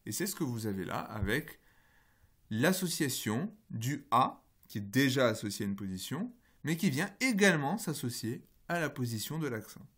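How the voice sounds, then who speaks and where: A man's voice: medium pitch, big pitch swings, normal speed, a bit bright, breathy edge. A man with a French accent lectures on a university course. He explains patiently, one step at a time, and often turns to his students with direct questions.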